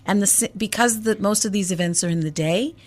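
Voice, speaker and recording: A brisk, medium-pitched woman's voice: an Egypt-raised jazz vocalist sharing stories in an informal radio interview. She's an animated storyteller who acts out quotes and restarts her words.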